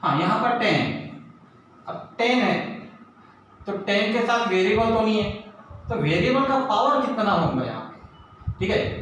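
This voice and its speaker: A man teaching a maths lesson, slowly asking his class questions and answering them himself. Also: sits high, a bit bright. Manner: slow, stretches English terms, asks and answers own questions. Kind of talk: blackboard maths lesson, Hindi mixed with English. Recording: echoey room, mic far off, faint noise.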